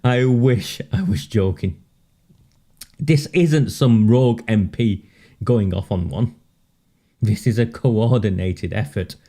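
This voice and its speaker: With a fairly low, warm voice, the host of a live-streamed political show speaks slowly, leaving long pauses. His monologue is sardonic and forceful, punctuated by laughter at his own points and repeated words for emphasis.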